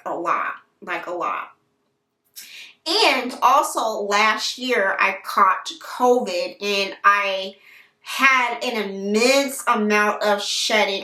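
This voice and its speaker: A woman vlogger telling her story to viewers in a chatty, animated way, talking straight to them. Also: mid-range voice, recorded from a distance. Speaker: hair care vlogger. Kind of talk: casual storytelling to camera. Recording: roomy echo, voice set back from the mic.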